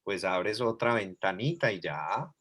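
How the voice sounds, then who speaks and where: A man's voice: lowish voice, animated, measured pace, fairly bright tone, breathy edge. A man teaching an online class, explaining patiently and thinking aloud as he goes.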